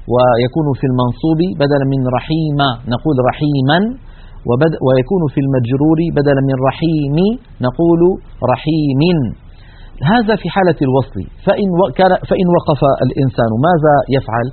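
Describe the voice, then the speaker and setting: A man gives a recorded recitation lesson in a slightly high, husky voice. He explains patiently and slows right down to stretch each example word. The sound is thin and narrow, like a phone line. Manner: slow explanatory delivery, stretches example words. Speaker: teacher of Quran recitation rules. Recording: tinny narrow-band recording.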